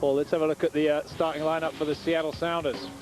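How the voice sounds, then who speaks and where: Man, sports commentator, somewhat high pitch, live soccer broadcast, clear background music. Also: little pitch movement, fast talker.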